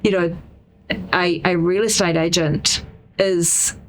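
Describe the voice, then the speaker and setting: A woman's voice: fairly low pitch, fairly even intonation, slow pace, slight background noise. A woman with a New Zealand accent explaining things in a podcast interview, often posing questions and checking with "right?". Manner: explanatory, uses rhetorical questions and tag "right?". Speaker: interviewee, real estate industry chief executive.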